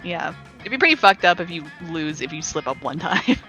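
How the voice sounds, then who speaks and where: A woman's voice: fairly low pitch, very animated, fairly quick, sharp tone, faint music behind, rough recording. A woman chatting casually while playing a game with a group. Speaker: player in a group playthrough. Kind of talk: casual chat during a game stream.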